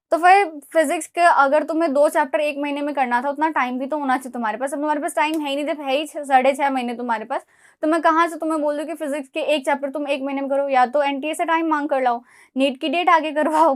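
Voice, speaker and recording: High-voiced woman mentoring exam students. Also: steady tone, fast talker. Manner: direct, scolding and encouraging, talks straight to students. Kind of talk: motivational study advice.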